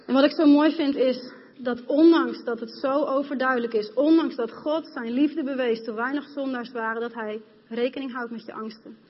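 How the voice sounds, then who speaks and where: A woman's voice: high-pitched, steady tone, normal speed. A woman preaching a passionate sermon to a congregation in a church hall, speaking to them directly. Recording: dull, reverberant hall sound.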